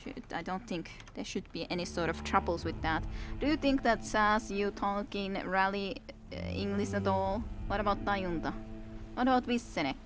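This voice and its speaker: Over game music, a woman from Finland talks through her video game session at a moderate pace and medium pitch. Her commentary is casual and meandering, dry in humor, aimed at her chat and at herself.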